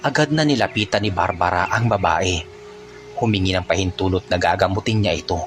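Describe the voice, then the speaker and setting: A man narrating a folk tale in a steady, unhurried storytelling manner. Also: low-pitched, faint music behind.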